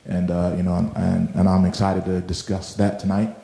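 A man speaking on a panel discussion, reflective and halting, with many fillers and restarts. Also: low voice, monotone, gravelly, mellow. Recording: roomy echoing hall.

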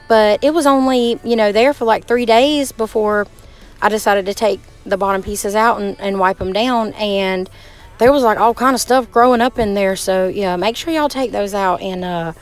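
A woman's voice: mid-range voice, clean tone, low-quality recording. A young woman with a Southern US accent, chatting casually and folksily to viewers while she cleans her small kitchen. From Georgia, US. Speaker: cleaning vlogger. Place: small kitchen and living room of a trailer home.

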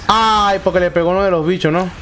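A young man giving excitable let's play commentary, swearing often and talking to himself. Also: high voice, fast, faint music behind. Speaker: gaming YouTuber.

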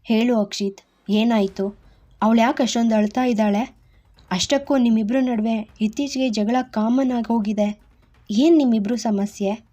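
A woman voicing a gentle, worried middle-aged mother who gives soft, coaxing advice. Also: on the high side, steady tone, normal speed, dull audio, lightly acted.

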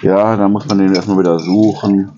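A man's voice: low voice, flat delivery, normal speed, warm tone, dull audio, a little hiss or hum. A man hosting a casual kitchen chat, rambling and correcting himself as he goes. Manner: rambling, self-correcting, imitates noises. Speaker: channel host.

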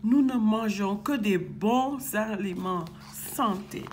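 A woman's voice: mid-range voice, slow pace, darkish tone, a little hiss or hum, close to an everyday voice. A woman voicing a big papa bear who speaks firmly and gives orders.

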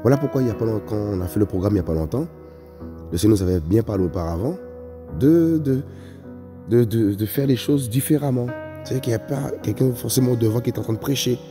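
A man's voice: on the low side, animated, quick pace. Emphatic man preaching in a reverberant hall. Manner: emphatic, repeats "vous voyez, frères et sœurs". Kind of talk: sermon. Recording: long reverb with faint music.

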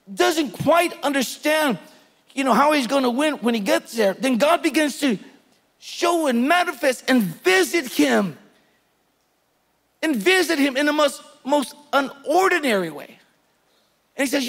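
A man's voice: very high-pitched, expressive, measured pace, creaky, fairly bright tone, big-room sound. A man preaching a sermon as pastor, retelling a scripture story emphatically and urging his listeners to take hold of it. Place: church sanctuary.

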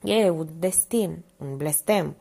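A woman voicing a frail, sickly young woman who speaks quietly, detached and resigned to dying. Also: lowish voice, creaky. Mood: brooding.

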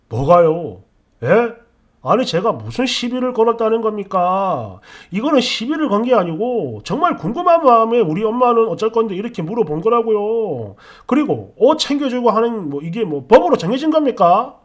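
A man narrating a dramatized first-person story and reading comments, with animated, exasperated retorts and frequent interjections. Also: high voice, brisk, few pauses.

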